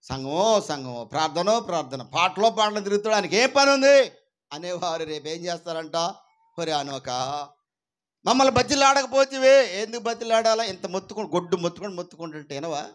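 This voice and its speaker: A man preaching as pastor at a church prayer meeting, swinging between loud cries and low, intense asides into a microphone. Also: animated, fast. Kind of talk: sermon. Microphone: microphone through a sound system.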